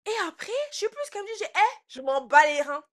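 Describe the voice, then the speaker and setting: A young woman telling a personal story in casual slang, swinging between quiet asides and loud outbursts. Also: very high voice, animated, fast talker. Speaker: podcast host.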